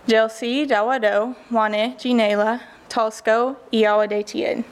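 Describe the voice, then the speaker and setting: A twenty-year-old woman from Oklahoma introducing herself at a podium, with a slow, careful Cherokee greeting before speeding up. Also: a little high, steady tone, a little hiss or hum.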